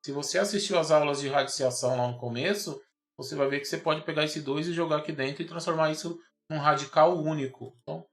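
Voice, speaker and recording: A man's voice: a little high, a bit bright. A man with a Brazilian Portuguese accent, teaching a math lesson patiently and checking often that the student follows. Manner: patient and repetitive, checks understanding with "certo?" and "ó". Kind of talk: explaining math at a whiteboard.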